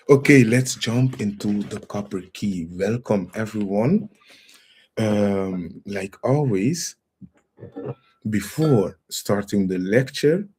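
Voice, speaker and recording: A man hosting a casual livestream lecture, reading out viewer comments and calling his listeners fam, with a halting delivery full of trailing phrases. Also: lowish voice, darkish tone, slightly rough. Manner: reads out viewer comments and greets the chat; calls listeners fam and family. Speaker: livestream host.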